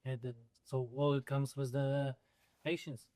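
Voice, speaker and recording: Student from Lithuania, hesitant answers, dry sound. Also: male voice, mid-range voice, level tone, unhurried, mellow, no room sound.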